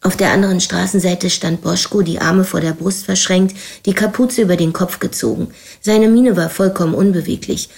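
A woman narrating a crime thriller audiobook in a brisk, dramatic way. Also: fairly low pitch, steady tone, vocal fry, darkish tone. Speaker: audiobook reader. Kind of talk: scripted narration.

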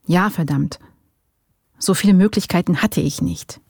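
A worn-out man answers his interrogators in weary, defensive bursts, with a gravelly rasp in the voice, as a narrator reads him. The sound is close and dry. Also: mid-range voice, a little slow, darkish tone, no echo. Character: exhausted, cornered male informant under interrogation.

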